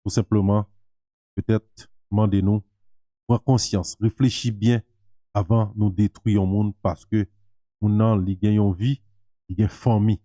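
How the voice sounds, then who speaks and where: A man, hosting and giving reflective, measured commentary and repeating key phrases. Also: lowish voice, flat delivery, mellow, no room sound, lo-fi sound.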